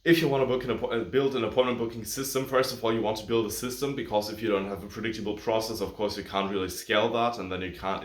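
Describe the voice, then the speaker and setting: Deep-voiced man, a bit out of breath. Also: reverberant. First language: German. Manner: rambling, lots of "like" and self-corrections. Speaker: agency coach. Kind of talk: casual talking-head advice video.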